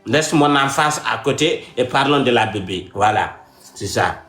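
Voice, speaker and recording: A man's voice: medium pitch, animated, a little slow, fairly bright tone. A man with a West African French accent in a comic couple-argument sketch, mocking and repetitive. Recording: roomy echo with faint music.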